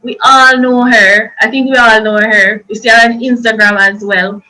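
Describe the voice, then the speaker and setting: A woman's voice: on the high side, flat delivery, normal speed, bright, forceful tone, low-quality recording. A woman presenting an informal online workshop, explaining things in a chatty, loose and repetitive way.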